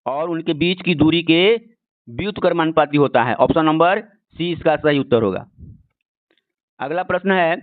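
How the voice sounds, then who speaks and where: A man with a fairly high voice comes through in narrow, phone-like audio. He speaks as an exam-prep teacher, methodically reading quiz questions and options, then restating each answer. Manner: methodical, repeats key phrases and answers. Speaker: science quiz teacher for competitive exams. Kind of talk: reading out multiple-choice questions and explaining answers. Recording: narrow-band, phone-like sound.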